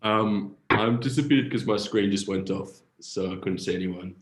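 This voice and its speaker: Young male host, lowish voice, reads chat questions, echoey room. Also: moderate pace. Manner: reads viewer questions, hesitant fillers. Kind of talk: hosting a video call reunion. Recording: roomy echo with faint noise.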